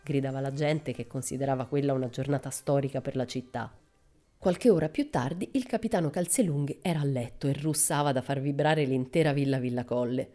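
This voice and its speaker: A woman reading a children's storybook aloud as narrator, in a measured, expressive way. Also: very deep voice, faint music behind. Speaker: audiobook narrator.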